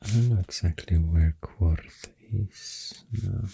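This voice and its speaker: A Swedish man hosting ASMR talks in a soft, breathy near-whisper, his deep voice slow and calming as he rambles close to the microphone. There is no room sound at all.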